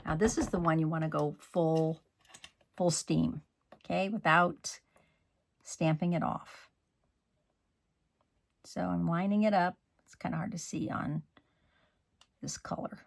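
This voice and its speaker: A man's voice: fairly high pitch, steady tone, measured pace, gravelly, long pauses. A man demonstrating card-making in a chatty tutorial, scolding himself and muttering asides as he works. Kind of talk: crafting tutorial.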